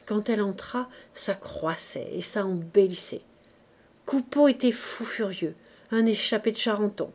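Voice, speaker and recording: A woman reading a classic novel aloud as audiobook narration, with an expressive, dramatic delivery. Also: medium pitch, measured pace. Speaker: audiobook reader.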